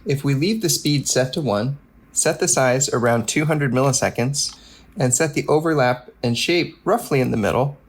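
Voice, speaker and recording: A man with a medium-pitched voice narrates a scripted technical tutorial as a product demonstrator, explaining each step methodically.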